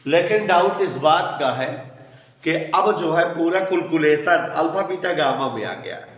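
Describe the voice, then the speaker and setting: A man's voice: a little high, expressive, a little slow. A man teaching a physics lesson in a classroom, working through equations and often asking the students questions. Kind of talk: classroom lecture at a board. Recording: echoey classroom with long reverb.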